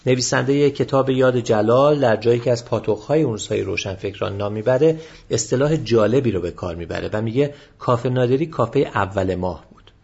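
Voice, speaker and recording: A man narrating a documentary in a measured, informative way, with a gravelly, husky voice. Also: mid-range voice, a little mellow. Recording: dull lo-fi recording.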